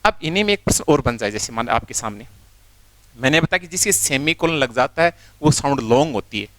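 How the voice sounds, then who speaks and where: A man's voice: mid-range voice, lively intonation, a little fast, fairly bright tone, no room sound. A man teaching an exam-prep lesson, explaining step by step and asking the class rhetorical questions as he goes.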